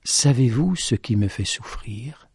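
A man's voice: medium pitch, animated, vocal fry, a little mellow, breathy edge, no echo, studio quality, exaggerated voice. A man doing a grave, patient schoolmaster. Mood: solemn. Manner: slow, solemn, dropping to a whisper.

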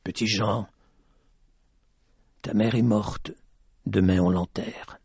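A man voicing a village priest who speaks softly and gravely. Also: on the low side, steady tone, takes it slowly, no echo, studio quality, pitched below the performer's own voice, heavily acted. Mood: somber. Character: sad gentle old village priest.

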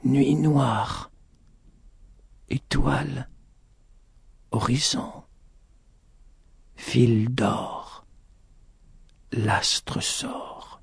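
A man's voice: medium pitch, extremely slow, pauses often, no room sound, full character voice. A man voicing a weak old mountain woman, murmuring faint words in a storybook reading. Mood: delirious. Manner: faint breathy whisper.

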